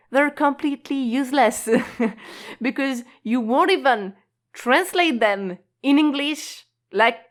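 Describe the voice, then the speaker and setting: A woman whose voice is a little high and a bit bright teaches a language online. Patient and slow, she explains each point, lengthens key words and occasionally breaks into a light laugh.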